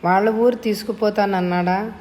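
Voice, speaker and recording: A woman's voice: mid-range voice, fairly even intonation, normal speed, a little mellow, close to an everyday voice. A woman voicing an anxious mother at work, talking urgently on the phone. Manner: urgent, pleading. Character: anxious young mother, bank employee.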